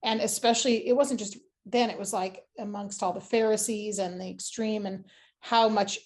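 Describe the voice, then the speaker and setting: A woman's voice: medium pitch, steady tone, moderate pace, a little mellow. A woman psychic giving a reading in casual chat, rambling with lots of "like" and restarts.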